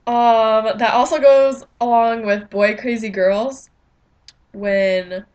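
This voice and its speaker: A woman's voice: fairly high pitch, steady tone, takes it slowly, darkish tone, highs cut off. A teenage girl chatting casually on a vlog, giggly and full of "like". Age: teens. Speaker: vlogger. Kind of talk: casual chat.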